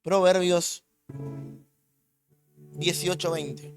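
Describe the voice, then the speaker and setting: A man's voice: sits high, steady tone, very slow, faint music behind. A man preaching as a pastor with a Rioplatense Spanish accent, emphatic and repetitive in his sermon.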